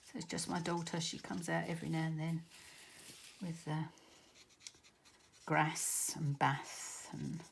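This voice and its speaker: A woman's voice: sits low, monotone, a little fast, creaky, a little hiss or hum. A middle-aged woman with a southern English accent, chatting her way through a card-making tutorial with rambling, self-correcting asides. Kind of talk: casual crafting tutorial.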